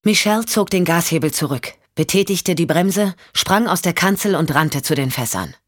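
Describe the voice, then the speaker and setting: A woman narrating a thriller audiobook in steady, measured storytelling. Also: fairly low pitch, no echo, clean studio sound.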